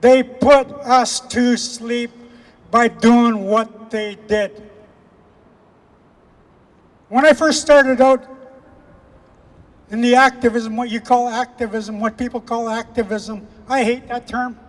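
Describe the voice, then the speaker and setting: A man from Canada delivering an impassioned speech at an outdoor rally, emphatic and repetitive, slowing down to stress key phrases. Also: extremely high pitch, steady tone, big-room sound. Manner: emphatic, repetitive, with slow weighty pauses. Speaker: rally speaker.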